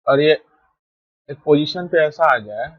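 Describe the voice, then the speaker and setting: Male teacher, voice on the high side, dry close-mic recording, patient explainer. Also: a little slow, no echo, dull audio. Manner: steady, repeats "ठीक है" to check understanding. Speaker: math teacher. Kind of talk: explaining a lesson while drawing.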